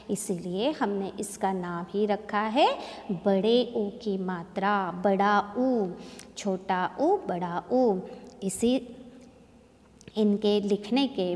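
A woman's voice: mid-range voice, darkish tone, big-room sound. A woman teacher giving a recorded lesson to young children, drawing out and stressing sample words for the class to copy. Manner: slow, drawn-out pronunciation of sample words; stresses vowel sounds, repeating words for drill. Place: school classroom.

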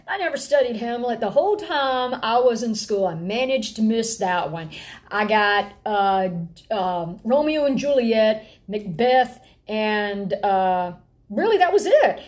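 Higher-pitched Appalachian woman, folksy and expressive. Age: middle-aged. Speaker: homeschooling parent and vlog host. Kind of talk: casual chat to camera. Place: indoor room at home.

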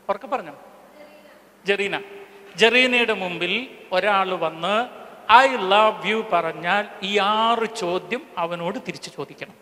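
A man preaching a sermon to a live audience, leading lively call-and-response and counting off his points. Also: very high-pitched. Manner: call-and-response, keeps urging the crowd to answer louder. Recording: long hall reverb.

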